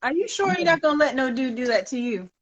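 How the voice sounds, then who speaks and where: A woman co-hosting a casual talk show, chatty, with quick agreements and stumbling restarts. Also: high voice, lively intonation, lo-fi sound. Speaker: co-host. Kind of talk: casual chat.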